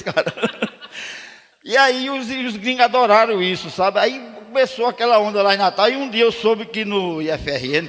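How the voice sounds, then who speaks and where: A man's voice: on the high side, long reverb tail. Older northeastern Brazilian man telling stories. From Rio Grande do Norte, Brazil. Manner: animated storyteller, switches into slow declaiming for recited verses. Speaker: poet and performer. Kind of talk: stand-up storytelling with recited verse. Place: cultural center stage.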